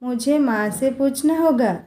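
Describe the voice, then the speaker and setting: A woman doing a shy, hushed little ghost girl. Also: sits high, a little slow, reverberant. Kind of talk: storybook character voice.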